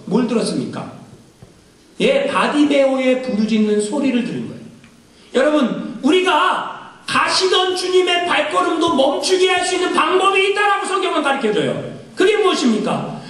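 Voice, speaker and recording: A male pastor preaching an animated sermon, firing rhetorical questions at the congregation and shouting out quoted scripture. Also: very high-pitched. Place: church sanctuary. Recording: echoey church hall, mic at a distance.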